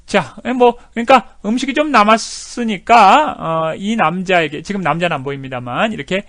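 A man teaching an English video lesson, animated, repeating words over and over to demonstrate how they sound. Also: high voice, moderate pace, dry recording, clean studio sound.

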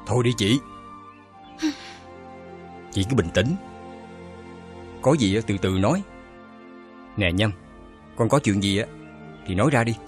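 A middle-aged actor with a Southern Vietnamese accent playing an uncle who counsels his niece calmly and firmly. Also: on the low side, faint music behind, lightly acted. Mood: stern calm. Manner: calm, measured counsel. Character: calm, stern village uncle.

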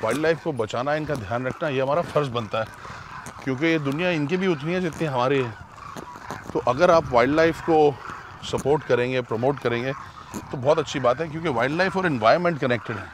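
A middle-aged man hosting a travel show outdoors, earnest and sometimes hushed, speaking on a lapel mic with bird calls and outdoor noise behind him. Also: mid-range voice, brisk. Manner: earnest, hushed at times, moralizing. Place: outdoors at a desert bird site. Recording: outdoor noise, birds calling.

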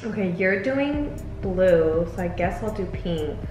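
A woman's voice: medium pitch, lively intonation, unhurried, noisy background. A young woman chatting casually while doing makeup, bantering playfully and swearing freely. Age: young adult. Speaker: makeup vlogger. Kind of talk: casual chat during makeup. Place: small indoor room with bare wall. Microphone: camera a few feet away. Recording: echoey room, music underneath.

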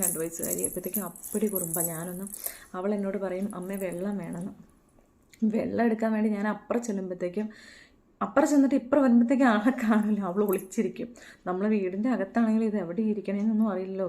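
A woman talks casually at home in her kitchen, chatty and repetitive. Her voice sits a little low, and she slips into a coaxing sing-song when she speaks to her small child. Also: warm tone. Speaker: mother and home vlogger. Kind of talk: casual home vlog chat.

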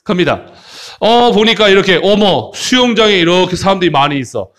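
A man who teaches English to kids. He sounds playful and fond of jokes, and his voice sits high and swings widely in pitch. He breaks up slow English phrases with quick explanations. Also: expressive, fairly bright tone. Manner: playful, jokey, switches between Korean explanation and slow English. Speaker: English tutor. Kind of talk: animated English lesson for children.

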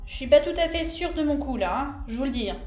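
A woman's voice: high voice, animated, fast, darkish tone, reverberant, faint music behind. A young woman doing jokey gameplay commentary, screaming at the scares. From France. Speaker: let's play host.

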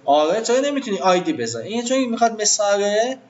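A man's voice: high voice, big pitch swings, muffled recording. A man teaching web design to a live class in an informal way, asking the students questions and then answering them himself.

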